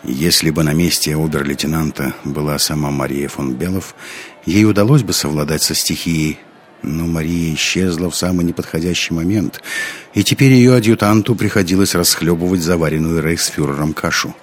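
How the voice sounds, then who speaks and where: A man reading an audiobook in scripted narration, measured and even. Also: rumbling low, a little hiss or hum.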